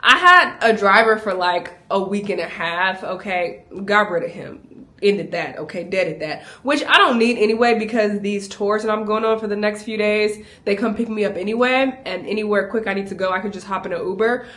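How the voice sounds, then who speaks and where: A young woman vlogging a casual travel storytime, animated and laughing as she acts out what people said to her. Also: medium pitch, moderate pace.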